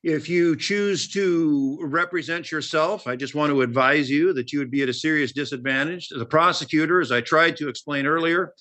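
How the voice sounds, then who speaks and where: A male judge advising a defendant over a video call in a patient, measured way, pausing on fillers and clearing his throat as his voice goes hoarse. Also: on the high side, pushed and bright. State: voice going hoarse. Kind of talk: courtroom hearing advisement.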